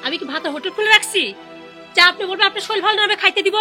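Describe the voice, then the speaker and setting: A woman's voice: very high-pitched, rapid-fire, pushed and bright. A woman playing a cruel daughter-in-law who scolds and sneers at her mother-in-law, then stammers and begs when caught. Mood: sneering. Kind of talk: melodramatic short drama acting. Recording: music underneath.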